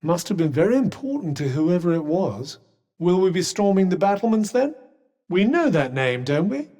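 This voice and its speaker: A British man voices a sardonic, erudite sentient magical cuff, a companion character in scripted video game dialogue. His high-pitched, mellow, very animated full character voice moves at a moderate pace, speaking formally with dry condescension in a wry, observant mood, under long echoing reverb.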